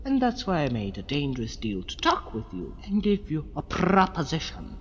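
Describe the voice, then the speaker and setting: A man playing a mad, scheming Time Lord villain in an audio drama, speaking in a haughty, measured, mocking and theatrical way. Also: a little high, wildly swooping pitch, vocal fry, in a large hall, lo-fi sound, slight background noise, exaggerated voice. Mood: sly, urgent.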